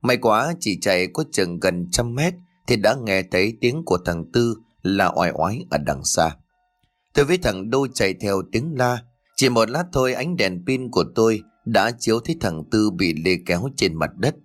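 A man narrating a first-person horror story in a tense, measured storytelling manner. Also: fairly low pitch, expressive, faint music behind.

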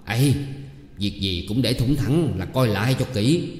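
A man's voice: on the low side, lively intonation, a little slow, a little mellow. A man voicing an alarmed older village wife who scolds and frets. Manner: scolding, fretful. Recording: echoey reverberant room.

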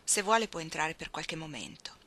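A woman voicing a hushed, polite doctor. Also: low voice, expressive, normal speed, exaggerated voice. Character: calm male doctor, polite.

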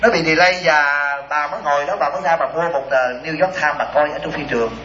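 A man giving a lively dharma talk as a monk, telling stories and asking rhetorical questions. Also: fairly high pitch, fast talker, a little hiss or hum. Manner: animated, acts out voices in stories, rhetorical questions. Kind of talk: sermon with storytelling. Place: retreat hall. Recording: dull roomy hall recording.

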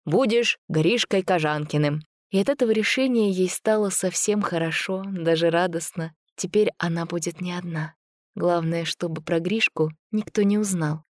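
Woman narrator, lower voice, measured audiobook reading, dry close sound. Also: no room sound. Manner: even, measured storytelling.

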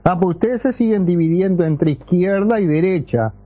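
A middle-aged radio host with a Uruguayan Spanish accent talks casually in a high, warm voice at a moderate pace, ironic and full of rhetorical questions. He's in a radio studio, heard through a dull AM broadcast.

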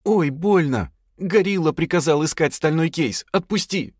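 A man voices a frightened young male hotel worker who pleads and whimpers in a whining mood, lightly acted and pitched above his own voice. It's a little high at a moderate pace, recorded in studio quality with no echo.

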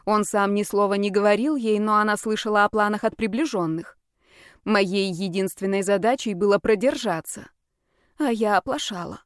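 A woman reading a first-person novel aloud at a steady, measured pace. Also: medium pitch, no room sound, clean studio sound. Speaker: audiobook narrator.

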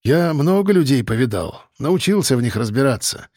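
A man's voice: mid-range voice, big pitch swings, moderate pace, a little mellow, dry recording, studio quality. A man voicing an elderly newspaper editor who is nervous but proud, his voice rising and shaking. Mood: grave.

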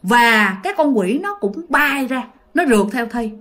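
A woman's voice: on the high side, animated, moderate pace, a bit bright. A woman with a Southern Vietnamese accent telling her own ghost story dramatically, speaking straight to her listeners. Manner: dramatic, emphatic, addresses listeners directly. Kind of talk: first-person ghost story told to listeners.

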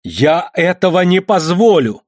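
A man with a husky voice playing a hot-tempered teenage son who shouts his defiance in a read-aloud novel. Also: on the low side, animated, moderate pace, no echo, studio quality. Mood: angry.

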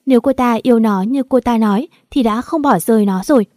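A furious father who speaks curtly, read by a woman in her own fairly high voice. The tone is mellow rather than bright. The recording is close and dry. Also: a little fast, no room sound, natural voice. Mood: angry. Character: angry father, a man.

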